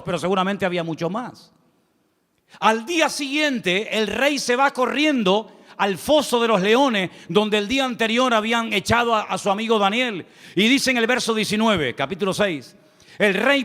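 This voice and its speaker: A man's voice: sits high, a bit bright. A man preaching a sermon as pastor, telling a personal story and reading scripture aloud, calling the congregation brother and asking for amens. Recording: long hall reverb.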